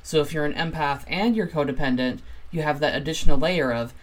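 Woman, low pitch, earnest, self-help talk, repeats points, frequent ums. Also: fairly quick. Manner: acts out quoted inner voices with livelier, louder delivery. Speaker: podcast host.

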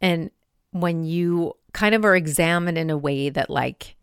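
Woman talking on her podcast, rambly and open, kinda low voice, super dry close mic. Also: unhurried, clear, resonant tone, no room sound. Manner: candid, rambling, filler-heavy with many "like"s. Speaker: podcast host. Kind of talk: personal podcast monologue.

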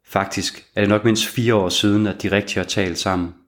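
Male thriller narrator, lowish voice. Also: fairly even intonation, a bit bright. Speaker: audiobook narrator.

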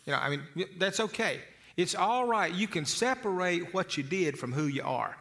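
A man's voice: sits high, moderate pace. A man giving a motivational talk to an audience, folksy and storytelling, often repeating words as he restarts a phrase. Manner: storytelling with lively asides. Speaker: motivational speaker.

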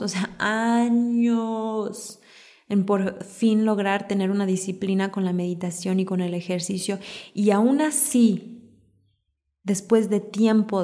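A woman hosting a podcast, giving a calm, reflective self-help talk that builds through repeated everyday examples. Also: medium pitch. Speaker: podcast host.

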